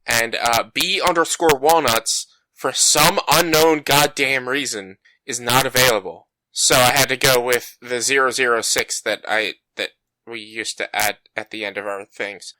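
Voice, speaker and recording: Speaking a little slowly with a sharp tone, this bassy-voiced man co-hosts a casual gaming podcast chat, rambling, self-deprecating, and full of fillers. The recording from his home podcast mic is dry and rough.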